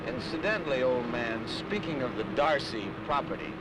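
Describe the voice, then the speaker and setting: An actor playing a teasing, wry young drifter in a 1960s TV drama. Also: male voice, mid-range voice, animated, normal speed, lightly acted. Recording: hissy old TV soundtrack.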